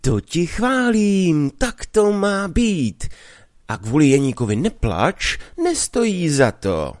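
A man reading a story aloud, voicing a pushy middle-aged marriage broker who coaxes in a drawn-out, sing-song way. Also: on the high side, very animated, a little mellow, no echo, clean studio sound, pitched above the performer's own voice. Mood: gloating.

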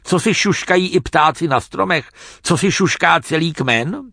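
A man's voice: fairly high pitch, animated, creaky, sharp tone, no room sound, studio quality, voice pushed up, heavily acted. A man voicing a bold young woman warrior who teases and needles with blunt questions. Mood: mocking.

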